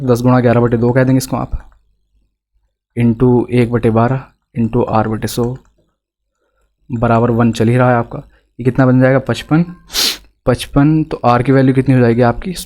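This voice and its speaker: A man's voice: mid-range voice, darkish tone. A male math teacher with an Indian accent, explaining exam problems step by step and asking students rhetorical questions. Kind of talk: exam-prep math lesson.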